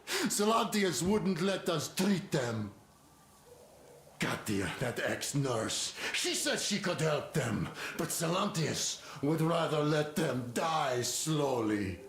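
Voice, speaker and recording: An actor playing a grieving, desperate father, bitter and despairing, with a gravelly voice. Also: a little high, big pitch swings, slow, a bit bright, a little hiss or hum, heavily acted. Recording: echoey game audio.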